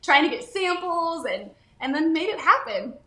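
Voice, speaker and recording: Woman in her 40s, upbeat guest, bright tone, echoey room. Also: very high-pitched, sing-song, moderate pace. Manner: friendly, upbeat, with small fillers. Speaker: guest, beauty brand founder. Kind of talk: casual interview chat.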